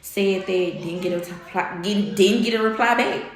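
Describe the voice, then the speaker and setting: A woman's voice: mid-range voice, normal speed, slight background noise. Candid woman telling an emotional story, echoey room. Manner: candid, animated, quotes others in dialogue. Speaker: vlogger.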